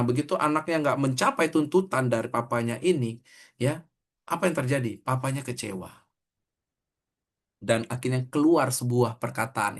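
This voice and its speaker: A middle-aged man, preaching a sermon in a conversational way, telling a story and acting out the quoted dialogue. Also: mid-range voice.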